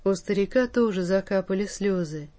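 A woman reads a story aloud as an audiobook narrator. Her delivery is measured and even, at a middling pitch.

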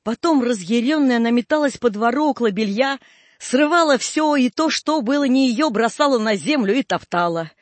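Audiobook narrator, male, very high pitch for a man, steady measured reading, dry studio sound. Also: no room sound. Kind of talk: scripted literary narration.

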